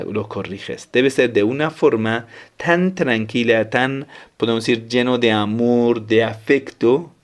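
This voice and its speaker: Emphatic man giving a religious talk. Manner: explains step by step, repeats key phrases, often acts out parents' words; emphatic rises in pitch on key words. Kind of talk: lecture-style religious talk.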